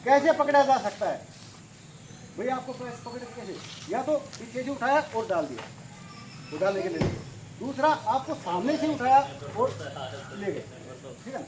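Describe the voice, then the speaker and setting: Male self-defense trainer, commanding, repeats short cues, outdoors with clear background noise. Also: very high-pitched, expressive, normal speed, long pauses. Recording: noisy outdoor recording.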